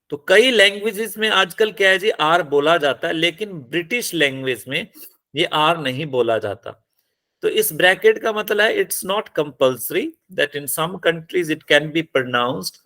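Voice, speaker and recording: Male phonetics teacher, slightly high voice, patient repeated drilling. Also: bright, forceful tone. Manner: drills words slowly, repeating each several times. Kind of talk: classroom-style lesson.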